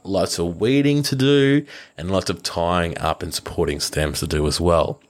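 A man's voice: low-pitched, normal speed. A man hosting a podcast, chatting casually and loosely, with fillers and restarts. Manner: relaxed, rambling, with fillers and restarts. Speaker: podcast host.

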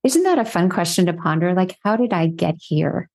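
A middle-aged woman, a physician and coach, speaks as a podcast guest in a mellow, warm voice that sits a little low. She tells her story earnestly and reflectively and asks herself rhetorical questions along the way. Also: lively intonation, normal speed, creaky.

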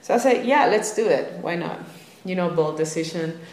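In an echoey room with faint ambient sound, a young traveler from Lima, Peru, tells casual personal stories as a podcast guest. She speaks expressively at a moderate pace, her voice on the low side and a little mellow.

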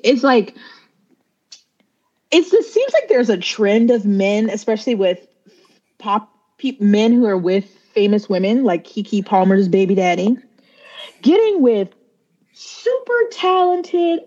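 A woman's voice: medium pitch, dark tone. A woman co-hosting a podcast in casual chat, retelling stories and quoting people as she goes. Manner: chatty, retells stories with quoted voices. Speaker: podcast co-host. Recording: dull lo-fi sound.

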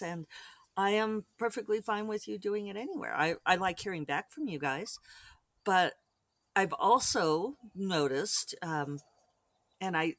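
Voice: mid-range voice, a bit bright. An author hosting their own podcast, talking to readers in a rambling, chatty solo update with many restarts and asides. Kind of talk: casual solo podcast chat.

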